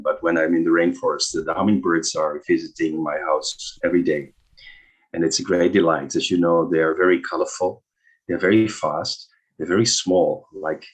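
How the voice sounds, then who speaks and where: A man speaking gently and reflectively as a guest on a video call, with a few restarts. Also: low-pitched, husky, poor audio. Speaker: guest singer. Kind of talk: casual spoken remarks then simple song.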